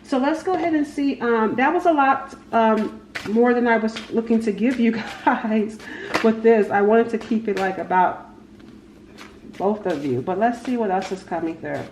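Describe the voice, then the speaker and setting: Reading cards off the cuff, a woman who hosts a tarot channel speaks in a voice that sits a little high. Her delivery halts and circles back on repeated phrases as she addresses the spirit and the cards, and the echoey room carries faint background noise.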